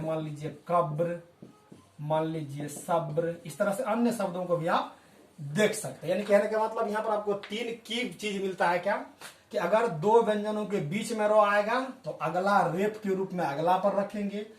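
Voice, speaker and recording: A male teacher giving a spoken language lesson, patiently explaining and slowly repeating example words. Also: high-pitched. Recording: echoey room, voice from a distance.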